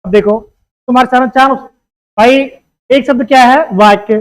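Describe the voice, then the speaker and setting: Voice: mid-range voice, fairly even intonation, normal speed, low-quality recording. A teacher giving an exam-prep grammar lesson. The teacher keeps asking questions, answers them, and calls the listeners "beta.".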